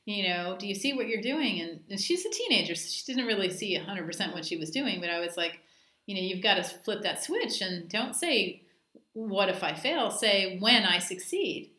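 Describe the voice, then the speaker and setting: A woman's voice: medium pitch, expressive, normal speed, sharp tone. Chatty woman dive instructor, echoey room. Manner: chatty, with fillers and anecdotes. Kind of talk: casual training talk.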